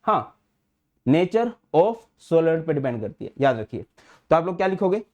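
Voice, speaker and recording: A man's voice: fairly high pitch, big pitch swings, a little mellow. Chatty man teaching chemistry. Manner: chatty, addresses students as beta and bhai, mixes English terms into Hindi; slows to dictate notes word by word. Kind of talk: online class lecture.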